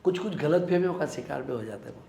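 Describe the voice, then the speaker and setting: Politician from Rajasthan, gravelly, emphatic and defensive, in a roomy echo with faint noise. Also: male voice, a little high, animated, fast talker, dark tone, soft background music. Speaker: local politician, interview guest. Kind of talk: sit-down interview answers.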